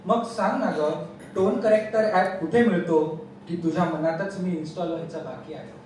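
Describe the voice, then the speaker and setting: A man's voice: on the high side, normal speed. A young man reciting a humorous poem at a student event, with a teasing, mock-exasperated delivery. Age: young adult. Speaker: student poet. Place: large echoey hall on stage. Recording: echoey hall from far off, faint noise.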